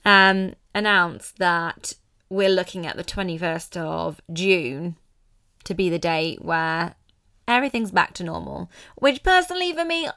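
British woman podcaster, low-pitched and close. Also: gravelly, bright, forceful tone, clear, resonant tone, no echo. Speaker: podcast host. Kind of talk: solo podcast talk, upbeat and candid.

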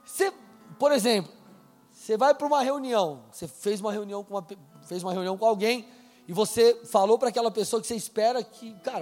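A man preaching a sermon in a casual, conversational way, slowing down to read scripture aloud. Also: very high voice, big-room sound. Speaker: pastor. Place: church hall.

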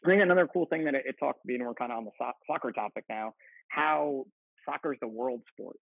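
A man's voice: mid-range voice, a little fast, husky, dry recording. A man, a firefighter, chatting casually as a podcast guest, rambling with frequent laughs and restarts. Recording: dry tinny phone-like line.

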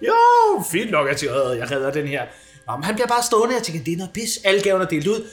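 A man hosting a podcast, telling a crude, animated anecdote in casual comic style. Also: sits high, echoey room, soft background music. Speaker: podcast host. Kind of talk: casual comedic storytelling.

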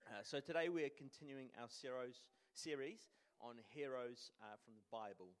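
A man's voice: mid-range voice, normal speed. Young New Zealand man, informal hesitant preacher. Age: young adult. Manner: hesitant, self-deprecating, casual. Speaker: church speaker giving a sermon. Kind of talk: informal sermon.

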